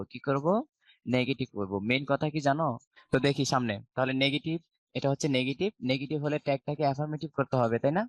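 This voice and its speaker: A man's voice: mid-range voice, no echo. Bangladeshi man teaching an online English class. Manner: explains step by step, asks the class questions and answers them himself.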